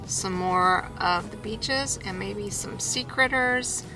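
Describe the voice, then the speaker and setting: A woman vlogger with a noticeably creaky voice at an average pitch. She chats informally to her viewers, with music clearly playing behind her. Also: takes it slowly, low-quality recording. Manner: informal, chatty, talking to viewers. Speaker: travel vlogger living full time in an RV. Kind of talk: casual vlog chat. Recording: background music under the voice.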